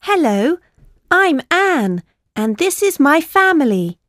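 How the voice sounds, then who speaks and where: A woman voicing a lively young girl. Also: high voice, slow, no echo, studio quality, full character voice. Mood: cheerful. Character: young girl character with pets. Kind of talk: slow scripted textbook reading.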